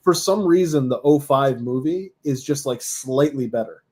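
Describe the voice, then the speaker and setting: A man's voice: mid-range voice, moderate pace, a little mellow. A man in his thirties co-hosting a sports podcast, chatting casually with many fillers and hesitations. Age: 30s. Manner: hesitant, filler-heavy, laughing asides. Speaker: podcast co-host.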